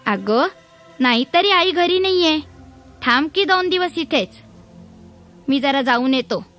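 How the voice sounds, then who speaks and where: A woman's voice: sits high, lively intonation, measured pace, a bit bright, soft background music. A woman voicing a sly, hungry male wolf who coaxes a little girl in a children's story. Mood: coaxing. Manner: coaxing, wheedling.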